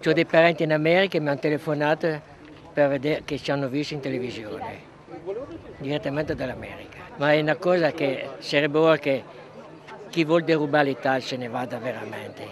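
A very old man, speaking indignantly and haltingly in a street interview. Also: on the high side. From Val di Susa, Piedmont, Italy. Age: 80s, elderly. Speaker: local resident and protester being interviewed. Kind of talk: street interview, spontaneous opinion. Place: outdoors at a mountain roadside car park. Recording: outdoor recording with busy crowd and traffic.

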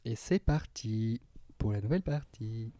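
A man's voice: on the low side, lively intonation, unhurried, mellow. A man casually commenting on a narrative game as he plays, hesitant, with many fillers and restarts. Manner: hesitant, full of "euh" and restarts. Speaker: let's play gamer.

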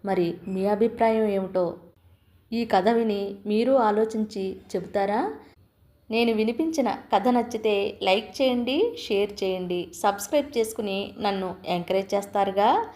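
A woman narrating an audio story in the first person, reading slowly and earnestly before closing with a note to her listeners. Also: medium pitch, mellow.

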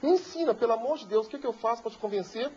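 A man voicing a kind, tearful older French woman who pleads gently and slips into French phrases. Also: very high-pitched, animated, racing, slight background noise, voice pushed up. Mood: pleading. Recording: dull lo-fi TV recording.

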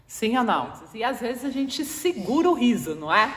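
A woman with a Brazilian Portuguese accent gives an informal spiritual talk, chatting with a live audience and repeatedly asking them to reply. Her voice is on the high side and sing-song, at a moderate pace. The hall is echoey with faint noise.

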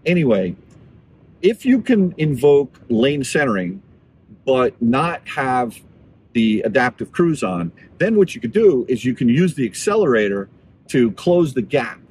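Here an electric-car reviewer talks to the camera from behind the wheel, musing aloud while driving and charging in a relaxed, rambling way. He's very animated, with a medium-pitched, darkish voice that moves a little slowly, plus slight background noise.

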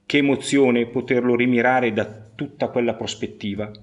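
Man telling a fairy tale. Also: lo-fi sound. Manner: expressive storytelling with pitch swings and slowed emphasis. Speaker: storyteller. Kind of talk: scripted fairy tale narration.

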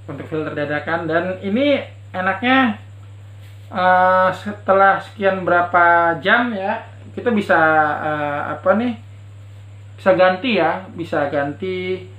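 A man's voice: high-pitched, takes it slowly, long pauses, roomy sound, dull audio. A man giving casual how-to tips, talking through a face mask, chatty and hesitant with many fillers.

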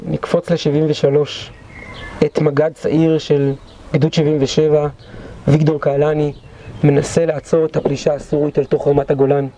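A man leading a guided history tour, telling battle stories dramatically and acting out the shouts of those involved. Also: fairly high pitch, little pitch movement, slight background noise. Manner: dramatic storyteller, acts out quoted shouts. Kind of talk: guided tour storytelling lecture. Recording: dull lo-fi recording.

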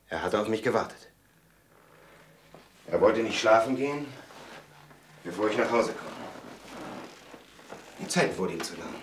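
A young son lays out the night's events in a measured, steady telling, as a man plays him. His voice is fairly low and sounds roomy and a little distant over a faint hiss. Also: lightly acted. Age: young adult. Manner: measured storytelling. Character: young son recounting a crime, tense. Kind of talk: 1970s TV crime drama monologue.

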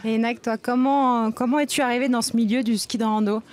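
At an outdoor event at a snowy ski resort, a young woman acts as presenter and interviewer, questioning guests through a handheld reporter microphone. Her voice is fairly high, steady, a little mellow, and fairly quick.

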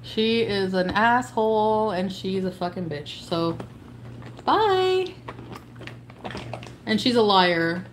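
A woman's voice: mid-range voice, steady tone, measured pace, hardly any pauses, slight background noise. A woman livestreamer in an angry, profane rant, hurling insults at her chat while blocking people.

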